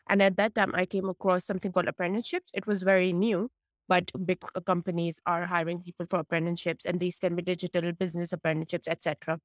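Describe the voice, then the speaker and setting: Woman from pakistan chatting on a podcast, lowish voice, talks fast and candid. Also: little pitch movement, no echo. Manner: chatty, candid, many restarts. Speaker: guest, tech consultant. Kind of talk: podcast interview.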